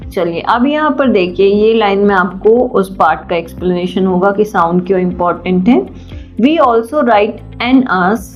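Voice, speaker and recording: Lady teacher slowly going over grammar, asks then answers herself, kinda dull lo-fi audio with faint music. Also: mid-range voice. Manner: patient, asks and answers own questions; slow and deliberate. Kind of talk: classroom grammar lesson.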